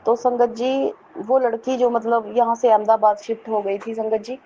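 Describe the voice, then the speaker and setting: A middle-aged woman from Jammu earnestly telling a devotional testimony, often pausing to address her listeners respectfully. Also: fairly high pitch, little pitch movement, dark tone. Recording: dull lo-fi recording with faint noise.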